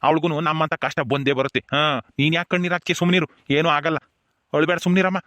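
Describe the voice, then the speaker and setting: A proud old village headman, played by a man with a rural Tumakuru Kannada accent, who keeps hushing and comforting his granddaughter. His voice sits fairly high and the words come quickly. The recording is dry and close. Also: fairly even intonation, dry recording. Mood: consoling. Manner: soothing, pleading, repeats hush phrases. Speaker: jailed grandfather. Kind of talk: village family drama acting.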